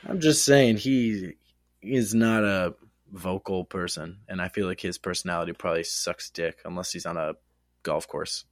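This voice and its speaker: A man's voice: deep voice, fairly even intonation, normal speed, no echo, clean studio sound. A man co-hosting a casual sports podcast, teasing his partner and swearing casually. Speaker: podcast co-host.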